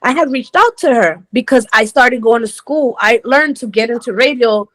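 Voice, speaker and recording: A woman in her forties from Rhode Island talks through her story as an interview guest, with a slightly high voice. She is lively and chatty and laughs easily as she goes. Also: moderate pace. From Rhode Island, United States. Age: 40s. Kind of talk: casual interview chat.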